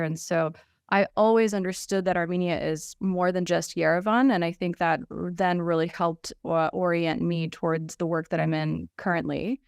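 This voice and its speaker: A woman in her thirties, raised between the United States and Russia, talks through her story on a video-call panel. Her voice is low, smooth and clear, with lots of "um"s and restarts. The sound is dry and close. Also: no room sound. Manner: conversational, frequent fillers and restarts. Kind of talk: webinar self-introduction.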